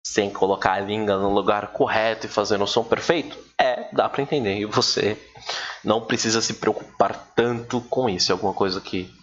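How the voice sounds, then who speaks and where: A man with a lowish voice teaches in a loose, chatty way and draws out each example word slowly. The recording sounds dull and lo-fi, with faint noise underneath. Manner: relaxed, chatty, drawls English examples slowly. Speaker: English teacher. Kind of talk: casual recorded lesson.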